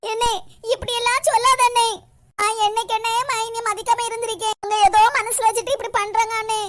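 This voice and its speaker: A woman voicing a shrill pleading young woman. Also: level tone, fairly quick, heavy background noise. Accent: Kanyakumari Tamil. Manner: tearful, pleading. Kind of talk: animated comedy cartoon dialogue.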